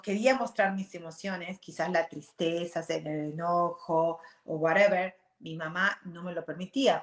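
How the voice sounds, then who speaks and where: A woman in her forties speaking candidly in a reflective personal monologue, animated and slipping English words into her talk. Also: fairly low pitch, roomy sound. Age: 40s.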